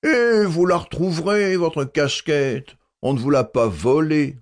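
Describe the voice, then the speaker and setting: A man's voice: mid-range voice, huge pitch swings, takes it slowly, breathy edge, voice pushed up, heavily acted. A man voicing a stern, irritable male schoolmaster who barks short commands at his class. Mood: gentler.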